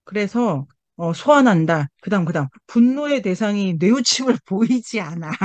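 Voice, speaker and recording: A woman leads a book seminar, reading passages aloud and breaking into lively asides. She laughs often and acts out little scolding voices, at an ordinary middle pitch. The sound is dry and close, with no room echo. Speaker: seminar leader.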